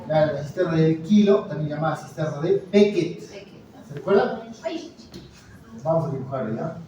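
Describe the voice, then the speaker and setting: A man's voice: a little high, expressive, moderate pace, warm tone, highs cut off. Man quizzing students in an echoey hall. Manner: quizzing, encouraging, frequent "muy bien" and "¿ya?". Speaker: anatomy lecturer. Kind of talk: classroom lecture with questions to students. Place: lecture classroom. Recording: echoey lecture hall, mic far off, students audible. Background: students murmuring and answering.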